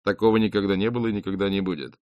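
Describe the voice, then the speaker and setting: A man's voice: on the low side, steady tone, racing, no room sound, lo-fi sound, lightly acted. A man reading an audiobook voices a cold, cutting male talent-show judge who speaks in a dry, sneering way.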